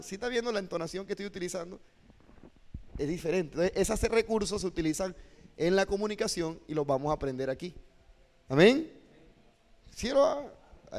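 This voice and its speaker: A man teaching a preaching class as a pastor, lively and constantly checking in with his listeners. His voice sits a bit high for a man. It rings with long reverb. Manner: animated, asks "¿sí o no?" of listeners. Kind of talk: classroom lecture with preaching demonstrations. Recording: hall reverb.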